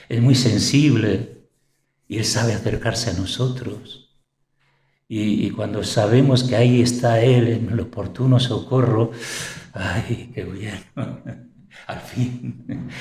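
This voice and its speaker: A man's voice: medium pitch, a little mellow. A man preaching a sermon with a Spanish accent from Spain. He delivers it fervently, his voice climbing into bursts of praise. The room around him rings with a church hall's echo. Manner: fervent, rising to exclamations of praise. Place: church hall.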